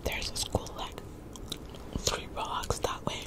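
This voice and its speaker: A woman in her twenties doing laid-back, rambling ASMR chat in a breathy whisper, close to the mic, softly repeating her phrases. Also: slow pace. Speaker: ASMR creator. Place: small bedroom, lying in bed. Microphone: desk condenser microphone very close to the mouth.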